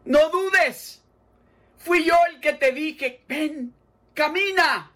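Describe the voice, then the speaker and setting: A preacher voicing God, firm and reassuring. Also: male voice, very high-pitched, drawn-out words, sharp tone, voice pushed up, full character voice. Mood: commanding. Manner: firm, emphatic declarations. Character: commanding, reassuring voice of God speaking.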